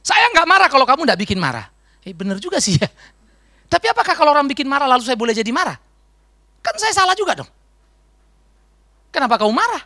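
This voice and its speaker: A man preaching a sermon as pastor with an Indonesian accent, lively and acting out the voices he quotes. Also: high voice, dry recording, clean studio sound.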